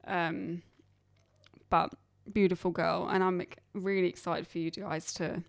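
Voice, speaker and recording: A woman's voice: fairly low pitch, flat delivery, normal speed, creaky, no echo, clean studio sound. A young Englishwoman hosting her own podcast, chatting and rambling casually on her own. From England. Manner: rambling, chatty, self-deprecating. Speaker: podcast host. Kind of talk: casual solo chat. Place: hot humid region, indoors.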